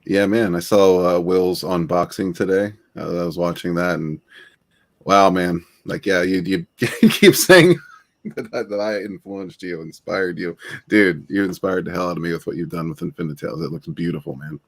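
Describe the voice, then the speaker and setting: A man's voice: low voice, normal speed. A man hosting a casual podcast chat, upbeat and joking, laughing often. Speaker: podcast host.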